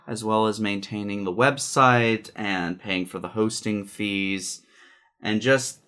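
A man's voice: on the low side, fairly even intonation, slow pace, bright, forceful tone, smooth. A man co-hosting a podcast from a room in his house, talking casually with many restarts and a dry, sarcastic humor. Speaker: podcast co-host. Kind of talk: casual chat.

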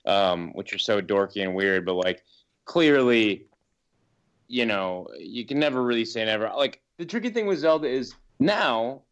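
A guest filmmaker on a casual podcast rambles and hedges, saying "like" constantly, while giving opinionated, emphatic takes with casual swearing. His mid-range voice has lively intonation and a moderate pace, with a slightly bright, clear and resonant tone.

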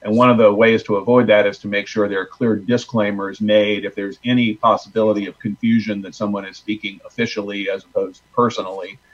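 A man explaining a policy at a board meeting as a township trustee, in a halting, measured way. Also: lowish voice, level tone. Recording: dull, muffled meeting audio.

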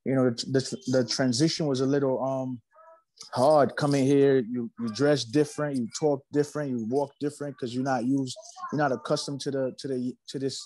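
A man's voice: mid-range voice, fairly even intonation, normal speed, darkish tone, low-quality recording. A man from Haiti, a musician guest, talking casually in an interview, laid-back and slangy, often repeating himself.

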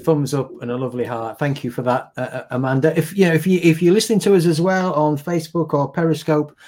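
A man hosting a live-stream interview, chatty and quick to repeat words as he restarts his sentences. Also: on the high side, darkish tone. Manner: chatty, repetitive restarts, friendly laughs. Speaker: host.

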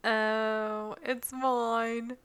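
A woman's voice: on the high side, level tone, very slow, fairly bright tone, clean tone. Chatty woman in her thirties hosting a podcast. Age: 30s. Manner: chatty, laughs often. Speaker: podcast host. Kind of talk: casual chat.

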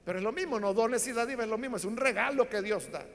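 A man preaching a sermon, telling a Bible story in an animated way and acting out the people in it. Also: very high voice, fast talker. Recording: long hall reverb.

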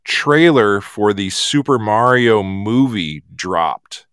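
A man hosting a podcast, his voice smooth and resonant against a dead-dry sound. He talks in casual chat, animated and ranting, swearing freely. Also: fairly low pitch, takes it slowly, dry recording. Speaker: podcast host.

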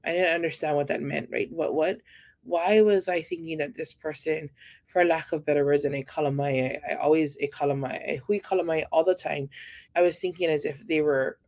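A woman's voice: sits low, fairly even intonation, fairly quick, a little mellow, no room sound. A woman from Hawaii, speaking earnestly as a podcast guest and stressing her points through repetition. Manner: earnest, emphatic, repeats key points. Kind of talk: casual podcast conversation.

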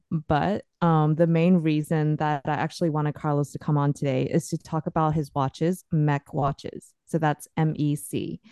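Low-voiced woman podcast host, dry sound. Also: dark tone, clear, resonant tone, no room sound. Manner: chatty, enthusiastic, laughs easily. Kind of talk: casual podcast hosting.

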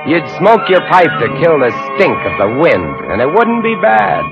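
Lighthouse keeper narrator, very expressive intonation, intense, old-time radio horror, muffled sound, prominent music. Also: male voice, fairly high pitch, normal speed, gravelly, full character voice. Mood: wry reminiscence. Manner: intense, dramatic, savoring descriptive phrases. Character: male lighthouse keeper recounting an eerie sea tale. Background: dramatic music.

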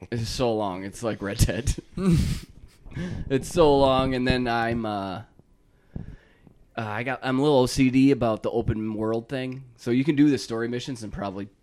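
A man's voice: mid-range voice, moderate pace, long pauses, a little mellow, slight background noise. A man talking casually with friends on a podcast. He rambles about games and laughs often between his lines. His voice sits in an ordinary mid range for a man. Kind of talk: casual chat.

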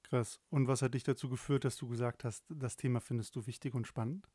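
A man in his thirties hosts a podcast interview, his questions relaxed and chatty, with plenty of fillers and self-corrections. His voice sits at a middling pitch and sounds dry and close, with little room around it. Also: fairly quick, slightly rough, dry recording. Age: 30s. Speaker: podcast host.

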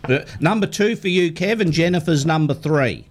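A man's voice: a little high, animated, moderate pace. A man with a Queensland Australian accent co-hosting a live radio show with casual banter. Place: radio studio.

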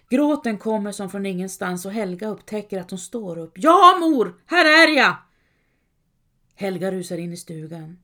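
A woman narrates a dark folk tale in a measured, dramatic reading voice. Her pitch sits in the middle range for a woman. The telling is steady and deliberate. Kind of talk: scripted storytelling narration.

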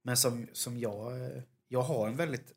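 A man's voice: medium pitch, gravelly, slightly rough. A man with a Jönköping Swedish accent, co-hosting a podcast in casual chat and animatedly mimicking other dialects. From Jönköping, Sweden. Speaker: podcast co-host.

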